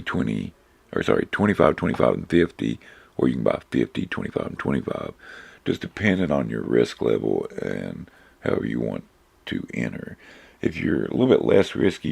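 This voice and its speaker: A man with an extremely deep voice and a heavy gravelly rasp talks through a trading lesson. He is hoarse from losing his voice, and his husky tone still swings up and down a lot as he explains, correcting himself often in an easygoing, informal way. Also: a little mellow. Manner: informal, rambling, many fillers and self-corrections. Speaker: trading instructor. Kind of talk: casual screen-share charting lesson.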